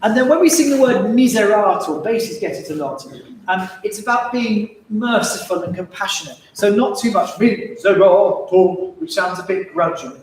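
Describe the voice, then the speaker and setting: Brisk wry conductor, man, high voice, echoey hall recording, faint music. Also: expressive, recorded from a distance. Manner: brisk, wry and encouraging, sings phrases to demonstrate. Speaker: choir conductor. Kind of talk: choir rehearsal instruction. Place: large echoey rehearsal hall. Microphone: distant room microphone.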